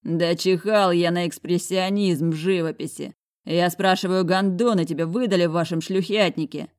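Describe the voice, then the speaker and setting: A woman's voice: lowish voice, fairly even intonation, normal speed, a little mellow, lightly acted. A woman voicing a rude, hulking grown man who growls and sneers in an audiobook. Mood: angry.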